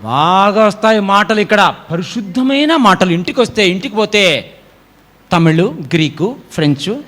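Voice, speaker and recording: Fiery high-pitched preacher. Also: male voice, animated, normal speed, a bit bright. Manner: exhorting, repeatedly calls on the congregation to answer aloud. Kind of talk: sermon. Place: church.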